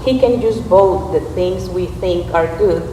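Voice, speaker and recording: A woman performing in church readers theater earnestly recites a script in a fairly low, mellow voice at a measured pace. The large church space is reverberant, and the echoey recording has a distant mic and background noise.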